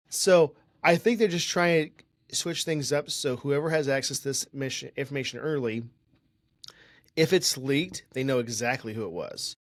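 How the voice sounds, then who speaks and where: A man's voice: mid-range voice, no echo. A young man co-hosting a tech podcast, talking in a chatty, opinionated, rambling way with frequent restarts. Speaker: podcast co-host. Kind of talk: casual tech podcast chat.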